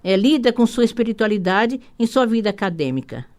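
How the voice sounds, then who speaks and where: Her voice is on the high side with big pitch swings as this radio talk show host and holistic psychotherapist from Brazil rambles through astrology. Speaking Brazilian Portuguese in a hurry, she keeps restarting and repeating words. Warm asides and frequent "né?" tags pepper her talk.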